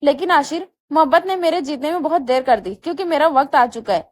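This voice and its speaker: A tender young woman saying her last loving words, read aloud by a woman narrator. The voice sits high and speaks softly and haltingly, as in an audio novel reading. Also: lightly acted.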